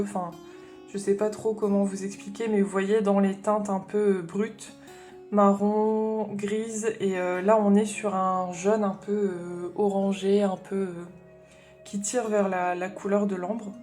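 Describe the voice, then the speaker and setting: Chatty woman vlogger with a mellow voice. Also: medium pitch, level tone, takes it slowly, soft background music. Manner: chatty and explanatory, thinking aloud. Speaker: craft vlogger. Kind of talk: casual haul chat.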